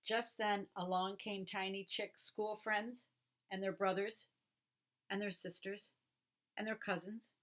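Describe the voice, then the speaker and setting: A woman teacher reading a children's picture book aloud in an expressive storytelling way. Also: medium pitch, unhurried.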